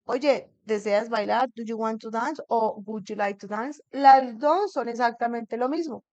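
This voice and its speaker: A woman's voice: fairly high pitch, unhurried, darkish tone, no room sound, highs cut off. A woman teaching an English grammar lesson in a classroom. She keeps checking in with her students and asks them questions.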